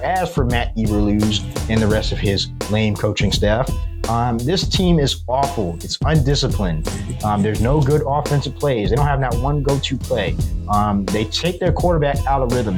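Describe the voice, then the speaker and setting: A man's voice: mid-range voice, animated, moderate pace, over music. A man hosting a solo sports recap, giving blunt, critical commentary. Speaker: sports video host.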